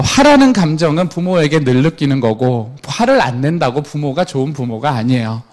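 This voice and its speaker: A middle-aged man giving a lecture to parents, animated, acting out quoted parents and children. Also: fairly high pitch.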